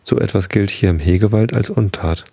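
A solemn old elk elder from a storybook speaks gravely and deliberately, as a man reads him out. The voice is very low, husky and dark. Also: no room sound.

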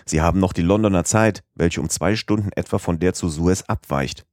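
A shrewd male police agent, as a man reads him, in a low, dry voice. He coaxes and probes with a steady, patient tone in a storybook reading. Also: normal speed, no room sound, natural voice. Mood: probing. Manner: coaxing, probing questions.

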